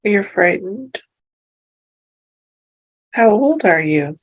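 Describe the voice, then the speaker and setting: Slow, soft-spoken woman guiding hypnosis. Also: mid-range voice, expressive, breathy edge, poor audio. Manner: soft, slow and soothing, reassuring. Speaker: hypnosis practitioner. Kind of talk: gentle hypnosis session guidance.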